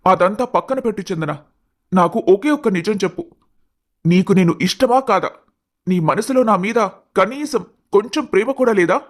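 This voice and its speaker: An earnest, lovestruck young man in a cartoon story, pleading and heartfelt. His voice sits noticeably high for a man. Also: lively intonation, normal speed. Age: young adult.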